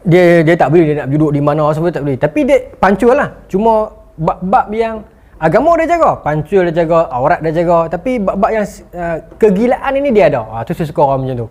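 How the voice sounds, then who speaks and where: A man giving a motivational lecture, telling stories with animated delivery and acted-out quotes. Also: on the high side, a little fast. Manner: animated storytelling, acting out quotes. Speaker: motivational speaker.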